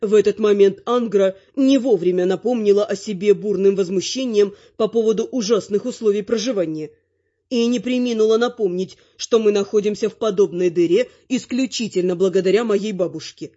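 A woman's voice: mid-range voice, brisk, mellow. A woman narrating a first-person fantasy audiobook in a wry, ironic storytelling manner. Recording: muffled lo-fi recording.

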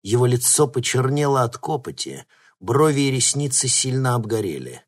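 A man reading an audiobook in steady, dramatic narration. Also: mid-range voice, moderate pace. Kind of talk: scripted narration.

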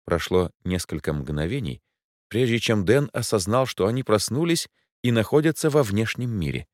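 Expressive low-voiced man reading aloud. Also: normal speed, no echo, clean studio sound. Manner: expressive storytelling. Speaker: narrator. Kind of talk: audiobook narration.

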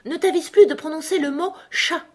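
A woman's voice: sits high, moderate pace, husky, voice pushed up. A woman voicing a small, furious mouse with a piercing, indignant voice. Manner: indignant, scolding. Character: furious shrill cat-hating mouse.

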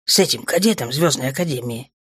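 A woman voicing a tender, possessive dark lord, an adult man, speaking in a low, soft murmur in an audiobook. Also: normal speed, husky, dry recording, exaggerated voice. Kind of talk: audiobook character voice.

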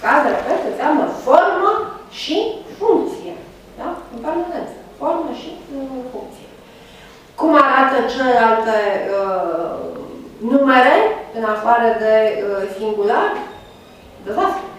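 Woman lecturer, fairly high voice, halting with frequent fillers, strong room echo, recorded from far off, faint hiss. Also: lively intonation. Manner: pauses often with drawn-out fillers and checks in with students. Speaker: university lecturer. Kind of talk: classroom lecture. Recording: very echoey room, mic far off, faint background noise.

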